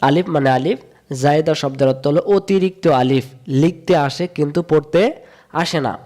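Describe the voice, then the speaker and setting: A man leads a patient reading lesson, his voice sitting a little high. He repeats each rule in a sing-song chant and stretches the syllables out slowly so learners can follow. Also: a little mellow. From Bangladesh. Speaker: Quran reading teacher. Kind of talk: step-by-step recitation lesson.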